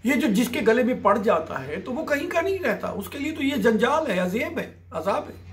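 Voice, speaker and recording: A man's voice: very high voice, big pitch swings, moderate pace. A man explaining a classical Sufi poem line by line, reciting each verse and then glossing its words. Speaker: poetry commentator.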